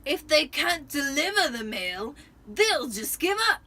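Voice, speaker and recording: A woman voicing an irate, blustering middle-aged uncle in a storybook, with loud, drawn-out, emphatic delivery. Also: high voice, big pitch swings, voice pushed up, full character voice. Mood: smugly confident.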